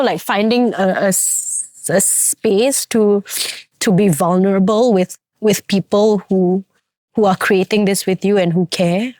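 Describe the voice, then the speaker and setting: A woman's voice: mid-range voice, a little mellow, dry recording. Reflective Singaporean woman, dry close sound. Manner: reflective, frequent fillers and restarts. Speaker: podcast co-host and theatre actress. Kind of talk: casual podcast chat.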